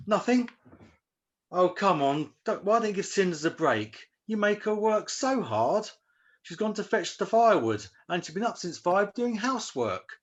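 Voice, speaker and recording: A man's voice: sits high, very animated, normal speed, lo-fi sound. A man playing a cheeky, good-hearted servant in a pantomime, a swaggering hero who plays to the audience. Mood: cheeky, pleading. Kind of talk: broad pantomime acting.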